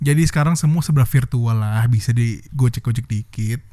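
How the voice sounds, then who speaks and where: A man's voice: mid-range voice, fairly quick, warm tone. A young man hosting a casual podcast, easygoing with dry teasing. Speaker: podcast host.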